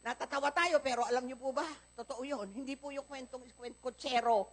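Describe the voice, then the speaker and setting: A woman's voice: high voice, a little fast. A woman pastor with a Filipino accent preaching a live Sunday sermon, telling stories animatedly and acting out the dialogue. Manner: animated storytelling, acts out dialogue in quoted voices. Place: church service, recorded live.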